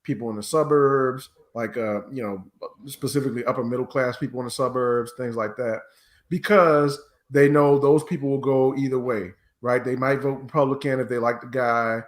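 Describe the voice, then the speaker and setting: Man, American accent, medium pitch, casual podcast panelist, opinionated, argumentative. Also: fairly even intonation, normal speed. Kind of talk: casual political podcast discussion.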